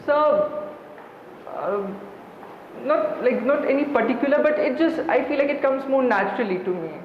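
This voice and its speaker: A young woman with a Kashmiri accent, answering formally and haltingly as a deferential interview candidate. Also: high voice, expressive. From Srinagar, Kashmir, India. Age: young adult. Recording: echoey hall, dull sound, background noise.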